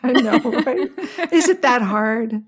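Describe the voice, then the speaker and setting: A woman co-hosting a podcast in casual chat, easygoing and quick to laugh along. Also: on the high side, animated, breathy edge. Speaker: podcast co-host.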